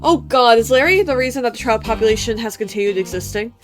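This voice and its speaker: A woman's voice: on the high side, lively intonation, quick pace, faint music behind. A young woman streamer chatting casually with friends while playing a game, teasing them and laughing often. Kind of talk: casual let's-play chat.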